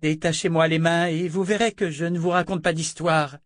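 Guy doing a young woman in a tight spot, coaxing and sweet-talking, higher voice, dry sound. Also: steady tone, moderate pace, dry recording, lightly acted.

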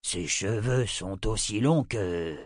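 A man playing a grudging, leering innkeeper who drags out his words. The voice sits low and unhurried, read dry and close for a storybook. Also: no room sound. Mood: fearful pleading. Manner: slow and grudging.

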